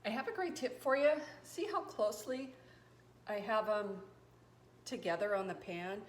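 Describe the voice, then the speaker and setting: A woman's voice: medium pitch, sing-song, normal speed. An older woman hosting a cooking video, chatting enthusiastically through a recipe with fillers, in a home kitchen. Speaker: cooking show host. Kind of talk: casual recipe demonstration.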